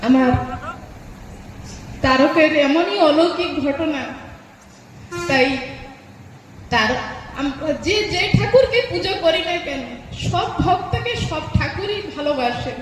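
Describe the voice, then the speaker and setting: High, slow, sing-song woman storyteller. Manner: sing-song, dramatic, preacherly. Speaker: devotional storyteller. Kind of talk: sung devotional storytelling. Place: live religious festival. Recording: echoey hall, distant mic, faint noise.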